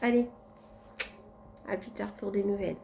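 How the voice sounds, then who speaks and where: A woman's voice: mid-range voice, steady tone, moderate pace, vocal fry, background noise. A woman vlogging casually from a hospital room, chatting directly to her viewers on a handheld phone. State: tired after anesthesia. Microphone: phone held in hand.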